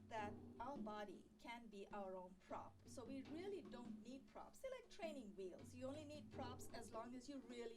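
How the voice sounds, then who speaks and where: A woman hosting a yoga show in a TV studio, chatting warmly and encouraging viewers, laughing easily. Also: fairly high pitch, recorded from a distance. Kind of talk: friendly studio chat.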